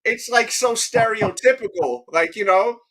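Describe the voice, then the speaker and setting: A man's voice: high-pitched, measured pace, over a noisy crowd. A man hosting a casual chat, rambling with restarts and often asking "you know what I mean".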